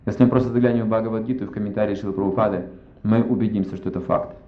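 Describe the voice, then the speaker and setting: A man's voice: on the low side, steady tone, very fast. A man giving a religious lecture, reasoning aloud and asking himself rhetorical questions. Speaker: spiritual lecturer. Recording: roomy, slightly dull recording.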